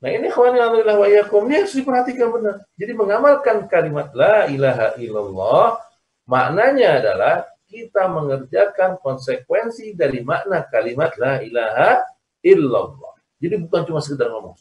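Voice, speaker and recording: Man, online religious lesson, fairly high voice, echoey distant video-call audio. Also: expressive, brisk, muffled recording. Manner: explains by repetition, asks "ya kan?". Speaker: Islamic teacher. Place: recorded over a video call.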